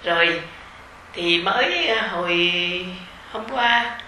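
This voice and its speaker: A middle-aged woman with a Southern Vietnamese accent gives a dharma talk to her retreat group. She speaks slowly and gently, with a bright, clear tone and the easy fillers of someone talking rather than reading. Her voice rings in an echoey hall with faint ambience behind it. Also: mid-range voice, animated, a little hiss or hum. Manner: gentle, unhurried, conversational with soft fillers. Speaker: meditation teacher leading a retreat.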